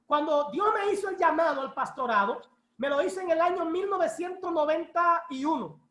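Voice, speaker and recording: A woman pastor preaching a personal testimony in a church, telling stories in a lively way and acting out what people said. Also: very high voice, a little fast. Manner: lively storytelling, acts out quoted voices. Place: church hall. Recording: echoey church room.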